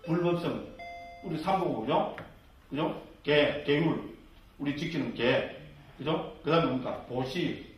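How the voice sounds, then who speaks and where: Guy giving a buddhist scripture lecture, keeps going "right?" and asking questions back, bit high voice, super echoey hall, mic way off. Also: measured pace, recorded from a distance, slight background noise. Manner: peppers talk with tag questions and rhetorical questions; jokey asides. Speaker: Buddhist dharma teacher. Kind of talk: scripture lecture to lay believers.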